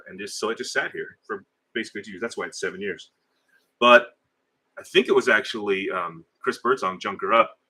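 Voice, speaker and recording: A livestream host, a middle-aged man, reads viewer comments in casual live chat, rambling loosely and pausing for fillers and restarts. His voice is deep and low-pitched yet bright and forceful, and his manner is conversational and hesitant.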